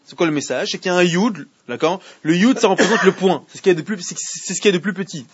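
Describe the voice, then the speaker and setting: In a muffled, lo-fi classroom recording, a man leads a French-language Torah class that includes Hebrew readings. His voice is high-pitched, quick and slightly rough, and he often asks the students questions and goes over points again.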